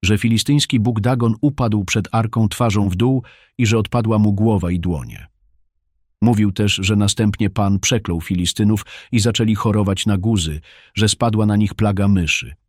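Brief: male narrator, low voice, dry close sound, steady scripted story reading. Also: dry recording.

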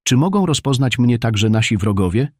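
A man's voice: medium pitch, lively intonation, normal speed, darkish tone, breathy edge, dry recording, studio quality, pitched above the performer's own voice. A man voicing a tired, wary male scribe on the road who speaks in short, guarded lines.

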